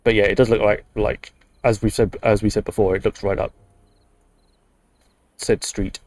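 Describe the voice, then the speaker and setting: A man's voice: fairly low pitch, flat delivery, moderate pace, darkish tone, no echo. A British man from the UK chatting casually while live-streaming a game, rambling with dry, muttered asides. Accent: British English. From United Kingdom.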